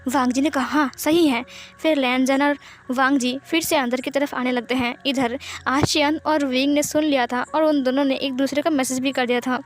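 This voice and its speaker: High-pitched woman casually telling a story. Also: fairly even intonation, normal speed. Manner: voices all characters herself, with fillers and restarts. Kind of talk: casual narration of fan fiction.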